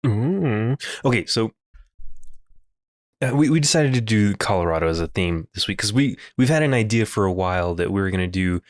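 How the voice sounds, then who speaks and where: Male co-host, lowish voice, loose and giggly, hesitant delivery. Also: lively intonation, moderate pace, no room sound, clean studio sound. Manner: laughs often, hesitant with fillers. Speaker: podcast co-host. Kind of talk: casual chat.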